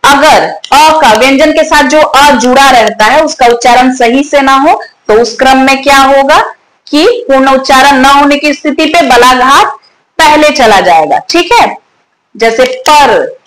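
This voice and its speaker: Slow high-voiced woman teaching grammar. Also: fairly bright tone. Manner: slow, repeats words to show stress; asks the students questions. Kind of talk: classroom grammar lesson. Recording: echoey room with faint ambient noise.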